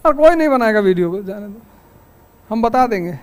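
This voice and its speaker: A man's voice: sits high, animated, brisk. A man teaching a civil services exam class in a classroom, lecturing in a folksy, anecdotal way full of stories.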